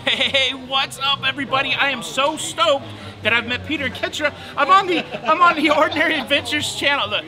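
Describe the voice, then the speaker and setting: Cheerful guest vlogger, a man with a very high voice, excited and joking, close to a handheld camera. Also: low-quality recording. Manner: excited, joking, fast bursts. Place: indoors on a cruise ship, busy atrium.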